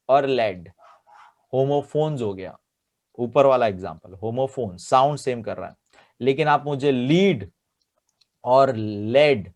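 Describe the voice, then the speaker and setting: A man's voice: medium pitch, a little mellow. Man teaching grammar with repetitive explanations. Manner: explains with repetition, mixing Hindi and English. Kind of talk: classroom grammar lesson.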